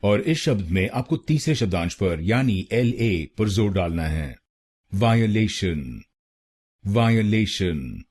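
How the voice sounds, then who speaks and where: A man with an Indian accent giving a scripted pronunciation lesson, drilling words slowly syllable by syllable. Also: fairly low pitch, lively intonation, a little mellow, slightly rough. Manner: slow, carefully syllable-by-syllable drilling. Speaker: pronunciation teacher.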